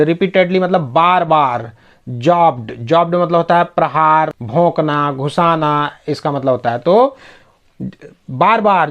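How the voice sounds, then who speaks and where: Guy teaching reading, slightly high voice, goes slow word by word, patient. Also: dull audio. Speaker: English teacher. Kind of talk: explaining English reading in Hindi.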